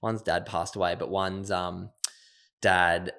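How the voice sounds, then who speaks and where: A man's voice: low voice, flat delivery, takes it slowly, gravelly, bright, forceful tone, smooth. A man hosting a podcast, chatting casually with his guest and reflecting on what was said. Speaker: podcast host. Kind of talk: casual interview chat.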